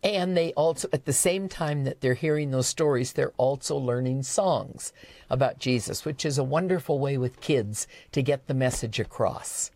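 Woman with a creaky voice, earnest charity guest. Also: extremely low pitch, moderate pace, dark tone, no echo. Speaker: charity leader, studio guest. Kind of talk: conversational interview about mission work.

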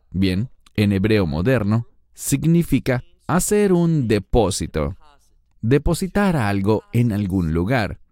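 A man teaching a Bible study lesson, explaining a passage verse by verse, slowing down on key words and putting questions to the listener. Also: mid-range voice, warm tone, no echo.

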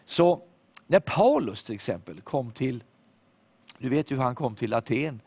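A man's voice: medium pitch, very animated, darkish tone, slightly rough, dry recording. Fervent male preacher, dry close sound. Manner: emphatic, rising and falling preaching voice. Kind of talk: sermon.

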